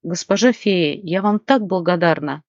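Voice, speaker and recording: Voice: mid-range voice, normal speed, no room sound, lightly acted. A reader voicing a heartfelt young woman thanking a fairy in a fantasy audiobook, recorded dry and somewhat dull. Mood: grateful. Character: young woman, grateful bride. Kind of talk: audiobook character reading.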